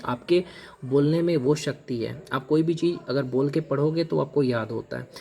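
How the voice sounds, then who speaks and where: A man's voice: mid-range voice, normal speed, creaky, warm tone. A man hosting an advice video, talking straight to the viewer in an emphatic, repetitive way and calling him brother. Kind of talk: direct-to-camera advice talk.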